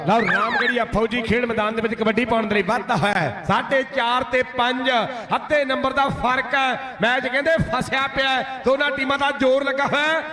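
A man with an Indian Punjabi accent giving excited rural sports commentary, declaiming and repeating phrases in a chant. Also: very high voice, moderate pace. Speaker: kabaddi match commentator and announcer. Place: outdoor village kabaddi tournament ground. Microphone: public-address microphone. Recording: echoey PA system, crowd noise.

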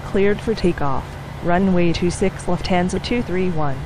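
Woman sim pilot, clipped cockpit headset radio calls, lower voice, constant background hum. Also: measured pace. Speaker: flight simulator pilot.

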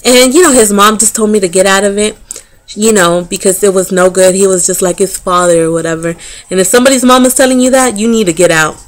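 Talking fast in a mid-range voice, a thirtysomething vlogger recounts a story straight to camera. Her casual telling is lively and full of swearing, with frequent laughs and dismissive, sassy remarks.

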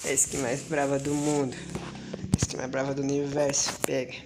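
A woman streaming a mobile shooter live, keeping her voice down but cursing and groaning excitedly at missed shots. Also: a bass voice, moderate pace. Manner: keeps voice down, can't narrate loudly. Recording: noisy stream audio with mic clicks.

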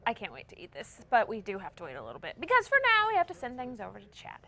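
Bubbly female TV co-host, lively pitch. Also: very fast. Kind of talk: morning show cohosting. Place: TV studio kitchen set.

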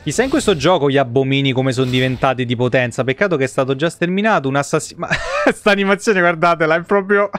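Game music plays as a thirties-aged streamer comments live from his small home room. He talks fast with few pauses in a slightly high, fairly bright, animated voice, and his casual, slangy talk is crude and full of swearing.

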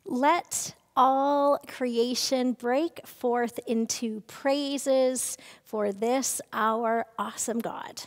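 A middle-aged woman leading a church service, reading the call to worship and prayers in a slow, measured way. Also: fairly high pitch. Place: church sanctuary, seated at a table. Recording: reverberant church hall.

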